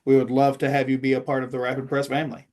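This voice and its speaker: A man's voice: mid-range voice, monotone, very fast, a little mellow. A man closing out a business webinar in a friendly, informal way. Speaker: co-host. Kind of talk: webinar wrap-up.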